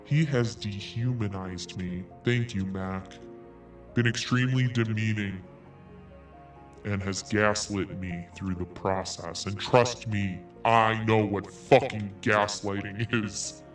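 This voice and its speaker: Set back a little from the mic, a male podcast host reads out an email and picks it apart with dry, snarky asides between lines, faint music running underneath. His voice is lowish and fairly even in intonation, and he takes his time. The distance makes him sound removed from the microphone.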